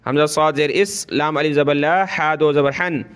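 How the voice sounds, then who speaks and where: A man teaching Quran reading, spelling each syllable by its letters and vowel marks, then reciting the word slowly, with brisk explanations in between. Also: on the high side, steady tone, fairly bright tone, clear, resonant tone. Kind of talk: step-by-step Quran reading lesson.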